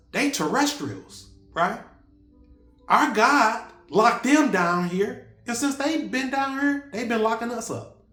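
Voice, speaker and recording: A man's voice: high-pitched, fairly bright tone, reverberant. A man preaching in an impassioned religious monologue, blunt, profane and rambling. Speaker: self-styled preacher.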